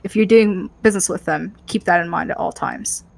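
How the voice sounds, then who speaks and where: A woman acts out a hard-edged vampire woman from a video game. She is guarded and measured, speaking as if giving a warning. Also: fairly low pitch, gravelly, darkish tone. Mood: cautioning.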